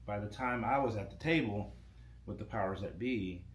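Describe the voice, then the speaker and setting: A middle-aged man with a lowish voice at normal speed chats casually on a podcast about running a radio station. He's relaxed and meandering and restarts a lot, and the room is echoey with a faint hum of ambient noise.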